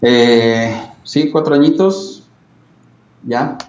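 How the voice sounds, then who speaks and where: A man's voice: mid-range voice, very slow, darkish tone, far from the mic. A Mexican man gives a casual interview over an internet call. He sounds echoey and away from the mic in a small room, and the line is slightly dull. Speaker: guest, band bassist. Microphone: video call.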